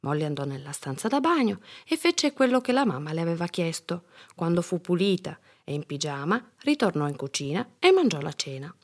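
A woman reading a children's story aloud in an expressive storytelling manner. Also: fairly low pitch, a little fast.

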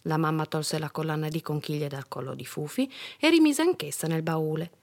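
A woman reading a children's story aloud in an expressive storytelling manner. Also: low voice, brisk.

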